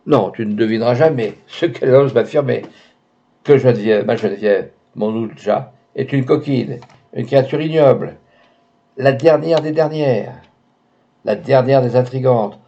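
A man's voice: medium pitch, a little slow, lo-fi sound, lightly acted. A man playing a furious young lover. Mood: outraged. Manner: agitated, loud, outraged.

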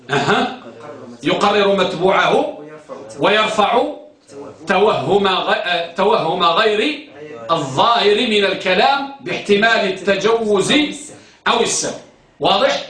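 A man with a high, somewhat bright voice leads a grammar class, quizzing students and echoing back their answers. The classroom sounds echoey, and the mic is placed at a distance.

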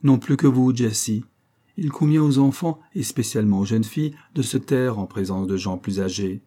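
A man voicing a stern, sharp-tongued middle-aged mother with a dry, scolding manner. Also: medium pitch, normal speed, lightly acted.

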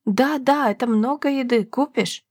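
A woman voicing a frightened rich young lady in an audiobook, shrill and begging. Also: normal speed, a little mellow, dry recording, studio quality. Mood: wheedling.

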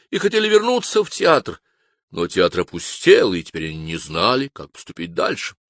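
A male audiobook narrator with a lowish voice that moves a great deal as he tells a first-person historical story. He reads with expression. The recording is close and dry, with no room sound. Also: a bit bright, no room sound.

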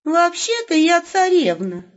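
A woman's voice: on the high side, sing-song, normal speed, darkish tone, slightly rough, voice pushed up. A woman reading an audiobook and voicing a curious, haughty young princess. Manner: haughty, prim. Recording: muffled lo-fi recording.

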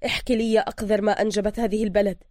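A woman's voice: mid-range voice, fairly even intonation, brisk, a little mellow, no echo, lightly acted. A woman voicing a stern foreign man who speaks in a formal, commanding way.

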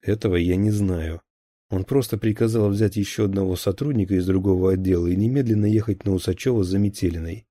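A man's voice: deep voice, steady tone, fast talker, dark tone, dry recording, clean studio sound. A man voicing a tense captured male security officer who gives clipped, defensive answers under interrogation.

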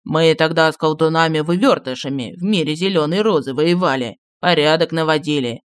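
Чтец изображает старого отставного маршала, медленно, глухо, с ностальгией, звук сухой. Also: male voice, smooth, no echo, natural voice. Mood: reminiscing. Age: older. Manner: slow, low, grumbling reminiscence. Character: old retired marshal, gruff, nostalgic, secretive.

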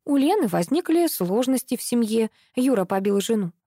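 An excitable amateur sleuth in an audiobook, voiced by a woman reader. She speaks in a lively way and is quick to exclaim, with a mellow, darkish tone. The recording is dry and close. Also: fairly high pitch, husky, no room sound. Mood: animated. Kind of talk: audiobook dialogue reading.

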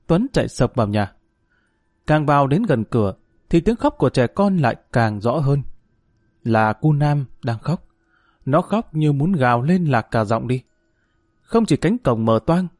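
A man narrating an audiobook in a measured, steady storytelling voice, with hesitant fillers when he addresses listeners. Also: medium pitch, no echo, studio quality.

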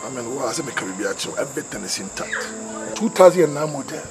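A man with a Ghanaian accent acting in a comedy skit as a husband trying to sell his car, talking loudly and in exasperated broken pidgin English. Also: medium pitch, sing-song, quick pace, noisy background.

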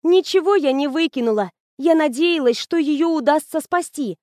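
A woman's voice: sits high, normal speed, dry recording, studio quality, pitched above the performer's own voice. A woman reading the lines of a shy, smitten young woman student in an audiobook. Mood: excited. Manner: bashful, flustered, excited.

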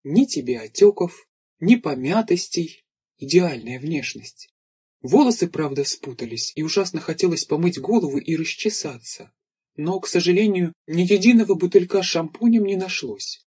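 A man reads an audiobook in steady, measured narration. His voice is husky and breathy and sits somewhat high for a man. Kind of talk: scripted narration.

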